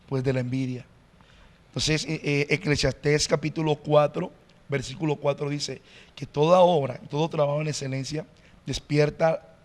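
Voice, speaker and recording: A male pastor explaining in an earnest, teacherly way as a podcast guest, often pausing on "eh". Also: a little high, in a large hall. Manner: earnest, teacherly, frequent "eh" fillers. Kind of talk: podcast interview, preaching-like explanation.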